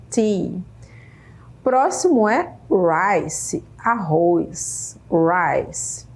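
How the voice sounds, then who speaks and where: A woman teacher with a Brazilian Portuguese accent explains English vocabulary slowly, repeating each word and checking in with "né?". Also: a little high, a little mellow. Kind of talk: slow, careful classroom explanation. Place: state school media center studio.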